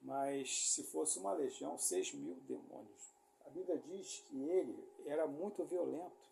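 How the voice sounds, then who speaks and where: Carioca guy preaching, gravelly low-key voice, keeps saying né and entendeu, wanders off explaining stuff. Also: very animated, measured pace, dark tone. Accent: Brazilian Portuguese, Rio de Janeiro. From Rio de Janeiro, Brazil. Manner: explanatory, rambling, many fillers and tag questions. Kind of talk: informal sermon teaching.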